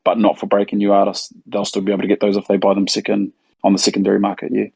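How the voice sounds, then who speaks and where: A man's voice: fairly low pitch, monotone, rapid-fire, vocal fry, a little mellow, husky, no room sound. A man with a New Zealand accent answering questions casually as a musician host, in a laid-back, matey, slangy way.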